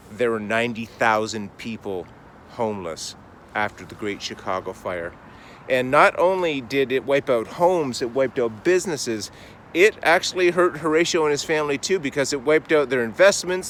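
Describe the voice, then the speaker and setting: A man telling a faith story in a casual, conversational sermon, animated and dramatic, speeding up and slowing down as he goes. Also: mid-range voice, slight background noise. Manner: animated, conversational, dramatic swings in pace and volume.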